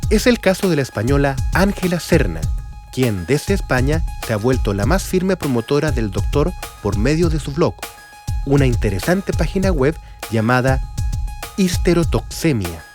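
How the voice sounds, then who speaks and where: Chilean man narrating a documentary. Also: mid-range voice. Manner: measured, formal, reads in even sentences. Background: faint music.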